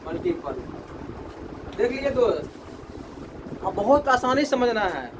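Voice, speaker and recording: A man's voice: very high voice, very animated, a little slow, noisy background. A man teaching a maths class, repeating his questions to the students and drilling the answers.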